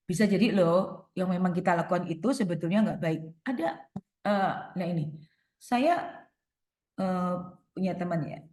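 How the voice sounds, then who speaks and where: A woman with a lowish, slightly mellow voice takes audience questions in a webinar workshop, giving advice. She illustrates her points with everyday examples and rhetorical questions, and the room sounds echoey.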